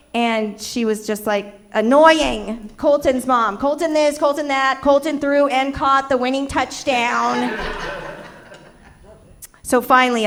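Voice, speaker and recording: A woman in her fifties doing a stand-up comedy set on a club stage, delivering punchlines deadpan with playful self-mockery. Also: on the high side. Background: audience laughter.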